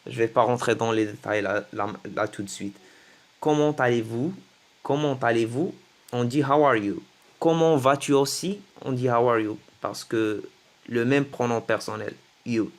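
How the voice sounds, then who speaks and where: A man teaching English greetings to French speakers, slowly repeating each phrase several times. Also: medium pitch. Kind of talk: French-language English lesson.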